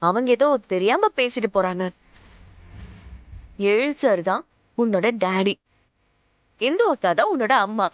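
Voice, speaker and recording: An actress playing a caring young stepmother who gently coaxes and soothes a frightened little girl in a TV serial. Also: mid-range voice, lively intonation, a little slow, pauses often, no echo, lo-fi sound, natural voice. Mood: soothing. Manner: gentle, coaxing, soothing a crying child. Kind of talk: TV serial acting.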